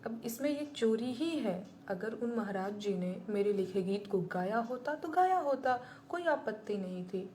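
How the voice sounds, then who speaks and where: A woman's voice: mid-range voice, animated, normal speed, hardly any pauses, mellow, slight background noise. Emphatic woman defending herself to viewers. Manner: emphatic and indignant, repeating points for stress. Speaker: singer and songwriter. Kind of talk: casual live chat with viewers, answering comments.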